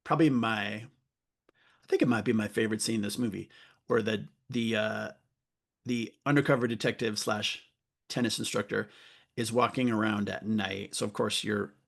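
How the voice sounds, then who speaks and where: A man's voice: on the low side, fairly even intonation, moderate pace, gravelly. A man hosting a podcast, chatting casually and rambling, laughing often as he acts out lines. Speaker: podcast host. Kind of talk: casual chat.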